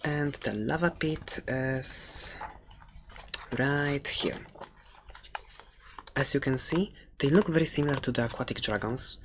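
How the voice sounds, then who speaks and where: Voicing a furry animal shopkeeper in ASMR roleplay, the performer sounds fond and eager to show off, speaking softly and haltingly with frequent near-whispers and doting menace. The pitch is medium, and background noise is present.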